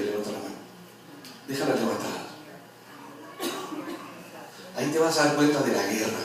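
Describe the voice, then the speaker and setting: Male pastor, mid-pitched, preaches with humor and questions, heard from afar in a booming, echoing room. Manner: lively, jokes and quizzes the congregation. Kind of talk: sermon. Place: church hall. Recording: very echoey hall, from far off.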